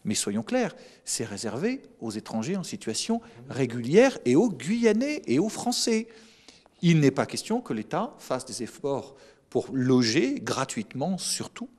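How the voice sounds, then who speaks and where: Formal, measured man, mid-pitched voice. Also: very animated, darkish tone. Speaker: state official from the prefecture. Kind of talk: explanatory answers in a live panel debate. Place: broadcast studio set.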